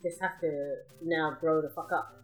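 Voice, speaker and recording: A woman co-hosting a gaming podcast, speaking with passion and trailing off quietly. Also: low voice, steady tone, unhurried, faint music behind. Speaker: podcast co-host. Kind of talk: casual chat.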